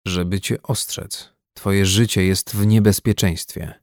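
Give me a man doing a calm, measured young man in an audiobook, deep and gravelly. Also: dry recording, clean studio sound. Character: calm, composed young man, giving orders.

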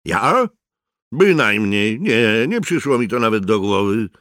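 Mężczyzna czyta, grając nerwowego, wykrętnego żołnierza. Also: male voice, lowish voice, very animated, takes it slowly, a bit bright, no room sound, studio quality, voice pushed up, heavily acted. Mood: evasive.

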